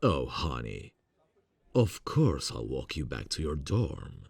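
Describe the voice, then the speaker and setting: Playing a friendly college student who is secretly a serial killer, a young man murmurs through an ASMR roleplay, soft and hesitant, dropping fillers and quiet insinuations. His bass voice swoops wildly in pitch, slow with vocal fry and a breathy edge, heavily acted and falsely friendly, with no echo.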